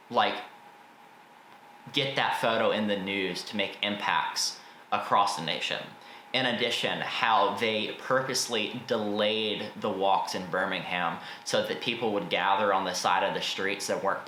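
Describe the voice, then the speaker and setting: This man hosts videos and gives an informal spoken book review, offering blunt opinions that he often hedges. His fairly low voice sounds bright and forceful. There's an echo in the room and faint background noise.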